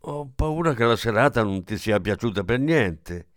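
A man's voice: medium pitch, animated, normal speed, dry recording, studio quality, natural voice. A man reading the part of an eager, anxious young hostess who pleads with a guest. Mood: pleading. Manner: pleading, downcast.

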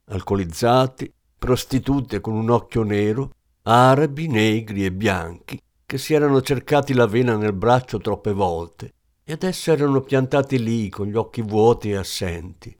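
A man narrating an audiobook in a measured, steady reading voice. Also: lowish voice, dry recording, studio quality. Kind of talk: scripted narration.

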